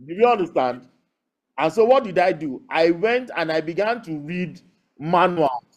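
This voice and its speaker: A man with a Nigerian accent, a loudspeaker builder and audio engineer, tells his story as an interview guest. His voice sits on the high side and is expressive at a normal speed, and he's emphatic, punctuating his points with rhetorical questions.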